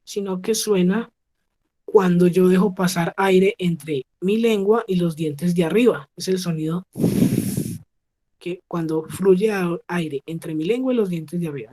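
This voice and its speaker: A woman teaching an English lesson over a video call, with a voice a touch lower than most. She talks patiently and stops often to check that the class is following. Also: a little slow, warm tone. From Colombia. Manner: patient, checks understanding with frequent "¿sí?". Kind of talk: online class explaining pronunciation.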